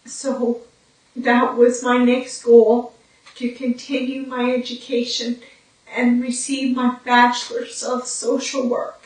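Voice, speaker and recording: A woman, telling her story as a brain injury survivor in a documentary interview, speaking in a halting way with pauses. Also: a little high, monotone, distant mic. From Newfoundland, Canada. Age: 40s. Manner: slow, halting, with pauses and fillers. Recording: echoey room, voice from off-mic.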